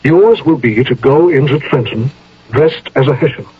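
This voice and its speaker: Husky, stern General Washington. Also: male voice, medium pitch, normal speed. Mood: firm, measured. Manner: formal, authoritative, clipped commands. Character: stern, commanding American general George Washington. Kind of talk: radio drama acting. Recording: dull old radio broadcast recording.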